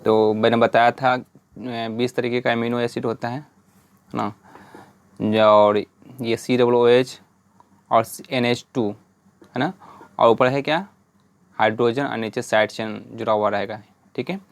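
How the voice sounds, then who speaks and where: A man's voice: mid-range voice, steady tone, a little slow, pauses often, no room sound. A man teaching a lesson in a patient way, drilling lists and spelling out letters while he keeps asking "right?" and "okay?". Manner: patient, repeats "है ना" and "ठीक है" often. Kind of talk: whiteboard lesson.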